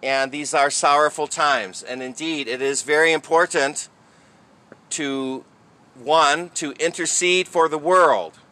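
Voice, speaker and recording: Bright-voiced man preaching as a priest. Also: on the high side, steady tone, slow pace. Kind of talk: sermon and liturgical reading at Mass.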